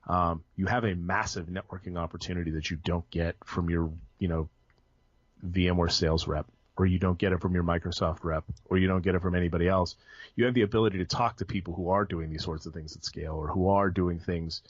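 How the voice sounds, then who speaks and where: Fairly quick and low-pitched with a steady tone, a young male podcast guest talks informally about his IT work, rambling, restarting, correcting himself and saying "um" a lot. This casual conversational interview is recorded in dull, dry lo-fi audio.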